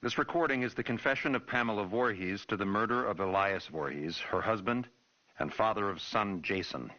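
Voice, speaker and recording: An actor playing a stern, skeptical American police chief who speaks bluntly and officially in a taped game interview. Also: male voice, lowish voice, fairly quick, natural voice. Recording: dull, muffled old tape recording.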